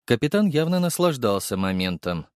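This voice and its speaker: A man reading a first-person audiobook in a measured, steady storytelling style. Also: mid-range voice, no room sound, studio quality. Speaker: audiobook narrator. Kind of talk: scripted first-person narration.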